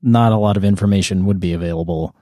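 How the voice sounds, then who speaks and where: Mellow man, casual co-host. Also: low-pitched, fast talker, no room sound, studio quality. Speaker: podcast co-host. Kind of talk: casual reactions and chat. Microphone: close podcast microphone in a dry room.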